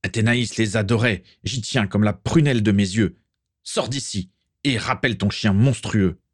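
Man voicing a cold old aristocrat, haughty, curt, lowish voice, dry close recording. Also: animated, unhurried, no echo. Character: stern old aristocratic wizard, cold, proud.

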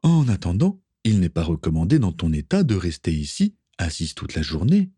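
A man doing a calm ship's doctor. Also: deep voice, moderate pace, slightly rough, no room sound, studio quality, exaggerated voice.

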